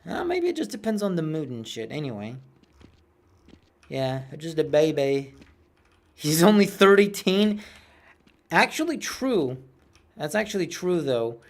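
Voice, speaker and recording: A man's voice: on the high side, wildly swooping pitch, unhurried. A man in his twenties chatting casually while streaming a game, rambling and self-mocking, with a cartoonish voice. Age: 20s. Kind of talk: casual gameplay chat.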